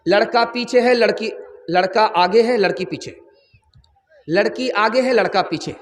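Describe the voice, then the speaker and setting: A man preaching a sermon to a large gathering, telling stories in an impassioned voice that rises to shouts. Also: sits high. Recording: echoey hall.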